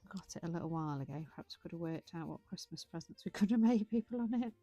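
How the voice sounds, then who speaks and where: A woman's voice: lowish voice, lively intonation, fast, warm tone, no echo. A tired, yawning British woman hosting a colouring livestream, rambling chattily and correcting herself as she goes. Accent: British English. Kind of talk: casual chat while colouring.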